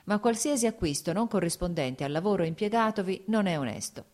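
A woman's voice: medium pitch, lively intonation, a little fast, darkish tone, pitched above the performer's own voice, lightly acted. A woman voicing an earnest, brooding male landowner who argues his point in an audiobook reading. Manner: earnest, argumentative.

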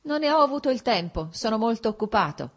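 A stiff, cold official who gives clipped, dry answers, as a woman reader plays him. The voice is a touch husky, and the audiobook reading keeps him terse. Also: on the high side, sing-song, normal speed, darkish tone, voice pushed up. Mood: curt. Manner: curt, dry. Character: cold, stiff official, a reluctant middle-aged man.

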